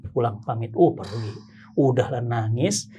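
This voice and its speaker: A man in a casual chat, telling a personal story in a lively way and acting out what people said. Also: mid-range voice, unhurried, slight background noise. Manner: lively storyteller who acts out dialogue. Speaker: guest sharing his story.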